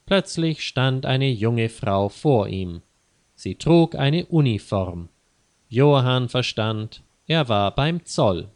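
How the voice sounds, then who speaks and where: Man reading a story very slowly. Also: medium pitch, dry recording. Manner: careful, clearly spaced reading. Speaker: narrator. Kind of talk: slow scripted story narration for language learners.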